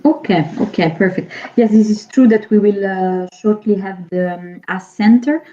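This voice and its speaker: A woman's voice: mid-range voice, normal speed, warm tone, muffled recording, slight background noise. A woman interviewing a student, asking polite, somewhat hesitant questions.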